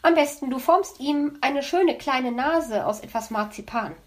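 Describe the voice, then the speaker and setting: A woman's voice: high voice, animated, measured pace, voice pushed up. Busy mother hedgehog, fond and sighing, slightly raised voice; a woman reads her. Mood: motherly.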